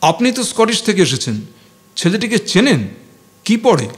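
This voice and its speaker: A man's voice: high voice, big pitch swings, moderate pace, pitched above the performer's own voice. A man voicing a blunt young male student leader who speaks in a raised, pressing voice in an audiobook. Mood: brisk.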